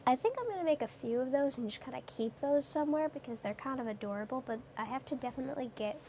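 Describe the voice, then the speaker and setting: Young woman, high voice, hesitant rambling, late-night stream chat, faint background hum. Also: animated, quick pace, darkish tone. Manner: rambling, hesitant, many fillers.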